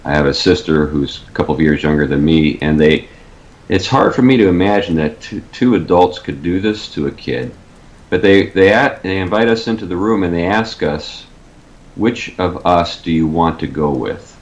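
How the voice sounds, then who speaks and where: A man's voice: sits low, lively intonation, normal speed, lo-fi sound. A man being interviewed, recalling his childhood in an earnest, reflective way. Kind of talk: conversational interview recollection.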